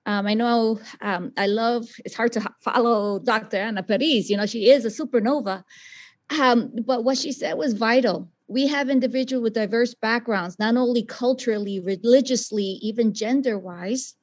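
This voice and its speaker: A woman from the South Bronx, New York, with a fairly high pitch and moderate pace, answers as a scientist and teacher on a webinar panel. She's passionate and emphatic.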